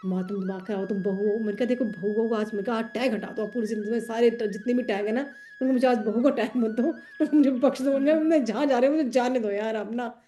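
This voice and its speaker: Lively Hindi-English chatting woman. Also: fairly high pitch, quick pace, few pauses, soft background music. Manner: animated storyteller acting out dialogue. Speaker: tarot student. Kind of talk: casual chat.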